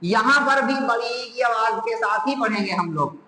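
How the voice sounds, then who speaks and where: A man's voice: very high voice, normal speed, bright, forceful tone, slight background noise. A man teaching an English grammar lesson, explaining patiently and spelling words out letter by letter. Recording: echoey room with long reverb.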